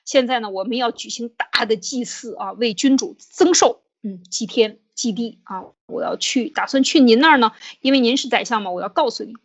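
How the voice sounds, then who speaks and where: Podcast host lady telling an old story, kinda high voice, lots of fillers and restarts. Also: normal speed, hardly any pauses, lo-fi sound. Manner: retells an old tale with many fillers and restarts, quoting figures in her own voice. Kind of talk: storytelling commentary.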